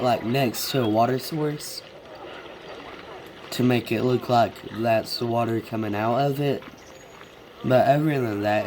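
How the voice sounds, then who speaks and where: Against a noisy background, a man with a mid-range voice gives a video game tour while sick, his nose stuffed and congested. His walkthrough is casual, hesitant, and rambling.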